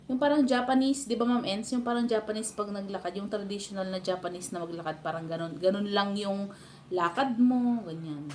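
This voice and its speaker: A woman's voice: medium pitch, a little fast, a little mellow, slight background noise. A woman with a Filipino accent chatting and telling family stories to her live stream viewers, laughing often. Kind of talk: casual live stream chat.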